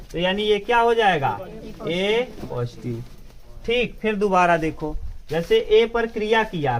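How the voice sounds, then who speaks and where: A male teacher giving a step-by-step lesson, often asking a question and answering it himself. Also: sits high. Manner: asks and answers his own questions.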